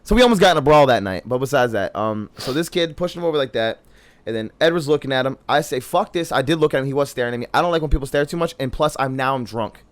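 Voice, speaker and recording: A young man co-hosting a podcast, telling a story in casual, profane chat and loudly quoting himself. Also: medium pitch, animated, quick pace. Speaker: podcast co-host.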